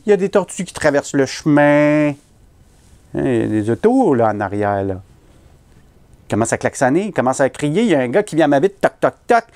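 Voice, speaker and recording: Animated Québécois man telling a funny story. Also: fairly high pitch. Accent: Québécois French. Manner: animated, punchline-driven, self-mocking. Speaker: comic storyteller. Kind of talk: comedic storytelling performance.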